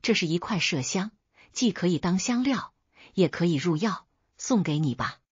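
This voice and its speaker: A woman's voice: on the low side, lively intonation, normal speed, slightly rough, dry recording, dull audio. Woman reading as a generous old hunter. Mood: kindly. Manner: kindly, giving.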